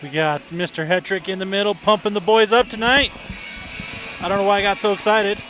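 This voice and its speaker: A man's voice: high voice, fairly even intonation, brisk, a bit bright, soft background music, rough recording. A man chatting casually as a sports broadcast commentator in booth banter.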